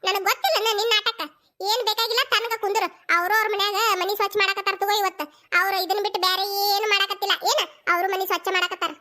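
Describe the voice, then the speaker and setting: A woman's voice: very high voice, little pitch movement, pushed and bright. A woman voicing a bossy, scolding village mother in a cartoon, with a North Karnataka Kannada accent. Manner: scolding, brisk.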